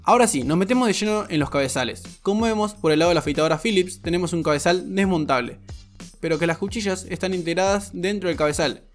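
A man's voice: high-pitched, fast talker, faint music behind. A man, a barber giving a frank, explanatory voice-over tutorial. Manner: frank, explanatory, repeats "muy pero muy". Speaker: barber reviewing shavers.

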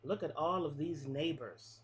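This middle-aged pre-K teacher has a low-pitched voice and reads a little slowly, with slight background noise. She gives a sing-song picture book reading to preschool children and stops to explain along the way, filmed close-up by a webcam in a small room with a classroom wall display.

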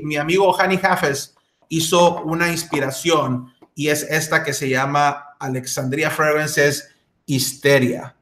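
A man's voice: fairly high pitch, bright, forceful tone, reverberant. A middle-aged man, casually reviewing a fragrance, chatty with many fillers and restarts. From Mexico.

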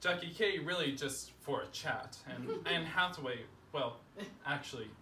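With a voice on the high side, pushed and bright, a young adult reads his funny first-person essay at a living room salon for a small seated crowd, projecting each line with deliberate, tongue-in-cheek grandeur. A faraway camera microphone records it, adding roomy echo and faint noise.

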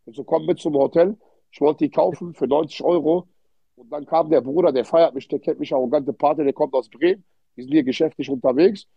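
A man's voice: a little high, steady tone, brisk, creaky, slightly rough, no room sound. A man with an Arabic-influenced accent in German, chatting casually on a livestream in streetwise slang, with frequent Arabic interjections and repeated words. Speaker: livestream host. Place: indoor hotel room. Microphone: phone without headphones, held close. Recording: dull, lo-fi phone livestream audio.

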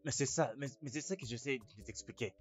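A man's voice: medium pitch, fast, faint music behind, natural voice. A man playing a pleading peacemaker. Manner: pleading, repetitive. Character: man begging the angry brother to calm down. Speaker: dubbed film character.

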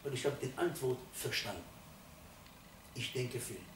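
Old rabbi preaching with emphatic swells. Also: male voice, medium pitch, unhurried, noisy background. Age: 80s. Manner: emphatic, swells from quiet to loud for stress. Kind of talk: Torah sermon. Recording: roomy, distant mic, faint ambience.

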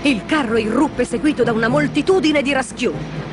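A woman storyteller narrating a children's tale in an expressive, animated way. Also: high voice, fairly quick, over music.

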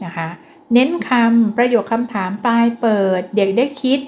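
A middle-aged woman teacher giving parenting advice in a gentle, patient way, full of polite particles. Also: fairly high pitch, normal speed, a little hiss or hum. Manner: gentle, acts out example parent dialogue, frequent polite particles. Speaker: child development teacher.

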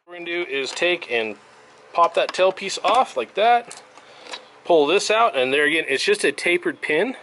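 A man who repairs violins, explaining each step of a workshop tutorial in a relaxed, step-by-step way while working at his bench. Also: high voice, normal speed, slight background noise. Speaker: violin maker.

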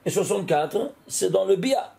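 A man with a high, gravelly voice teaches a recorded Torah class. He keeps asking his listeners questions and answers each one himself, his pitch rising and falling with energy. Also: normal speed. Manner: asks questions and answers them himself, animated rise and fall.

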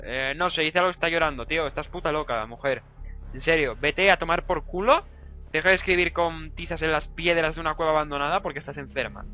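A man's voice: on the high side, quick pace, bright, forceful tone, soft background music. A young man from Spain with a Spanish accent, commentating a horror game he plays, swearing a lot and jumping between jokes and startled outbursts. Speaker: gaming YouTuber.

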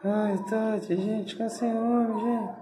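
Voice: medium pitch, little pitch movement, takes it slowly. A Brazilian pet owner speaking to the camera in affectionate baby talk while feeding the dogs at home. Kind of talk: casual pet vlog narration. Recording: echoey room with noise. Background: dogs barking and growling.

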